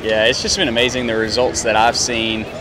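A young man hosting a casual interview, upbeat and quick to agree. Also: mid-range voice, little pitch movement. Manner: upbeat, agreeable, frequent short affirmations. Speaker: hunting show interviewer. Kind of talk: casual interview at a trade show booth. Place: busy trade show hall, indoors. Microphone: handheld mic. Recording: noisy crowded trade show hall. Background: crowd chatter.

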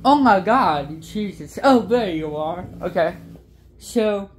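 A woman vlogging casually from her phone, exclaiming often in excitement. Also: fairly low pitch, slow, background noise. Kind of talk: casual vlog talk.

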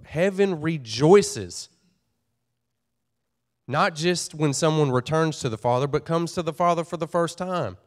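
A man's voice: on the high side, animated, measured pace. A pastor preaching a sermon to his church, earnest and folksy, often repeating and restarting his phrases.

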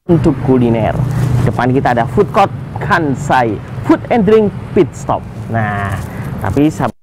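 A man's voice: mid-range voice, measured pace. A man, hosting a culinary vlog and greeting viewers with religious phrases. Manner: lively, religious greetings, chatty with vendors. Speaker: culinary show host. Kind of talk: presenting to camera. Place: street outside a mosque, then small food court indoors. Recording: noisy street and shop background.

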